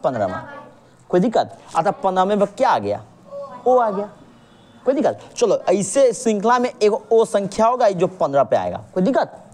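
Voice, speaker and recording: Woman, teacher, very expressive pitch, patient, checks understanding constantly, call-and-response drilling. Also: moderate pace. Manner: patient, keeps checking understanding with repeated questions; calls the student "babu", drills with call-and-response. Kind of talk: reasoning lesson for students.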